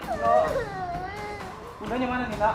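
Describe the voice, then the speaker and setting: A man's voice: extremely high pitch, huge pitch swings, moderate pace, over loud music, heavily acted. An actor playing a distraught uncle who finds his young nephew, anxious and tearful. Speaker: uncle of the children.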